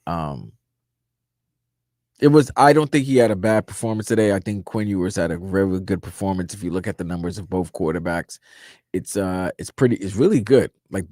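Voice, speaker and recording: Deep voice sports radio cohost dude, emphatic, keeps restarting, dry studio. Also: male voice, mellow, no room sound. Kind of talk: postgame radio analysis.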